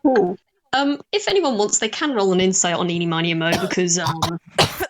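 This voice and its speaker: A woman's voice: fairly low pitch, fairly quick. A woman talking casually as she narrates and plays a tabletop roleplaying game.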